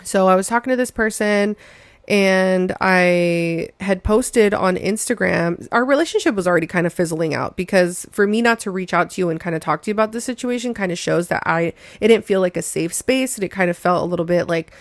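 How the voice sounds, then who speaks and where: A woman's voice: medium pitch, fairly quick, dry recording. Young female podcaster, casual storytelling, chatty and emphatic, dead-dry close sound. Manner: chatty, emphatic, says "girl" and "like" often. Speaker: podcast host.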